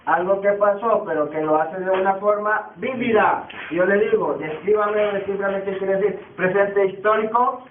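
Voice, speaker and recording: High-voiced male teacher quizzing his class. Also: steady tone, normal speed, slight background noise. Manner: repeats key terms, quizzes the class. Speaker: Bible institute teacher. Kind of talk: classroom lecture. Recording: tinny, echoey distant classroom recording.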